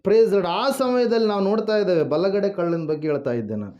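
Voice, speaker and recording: A man's voice: high voice, fast talker, mellow, dull audio. A man preaching a sermon who keeps asking the congregation questions, answering them himself and calling out hallelujah and praise the Lord. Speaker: pastor.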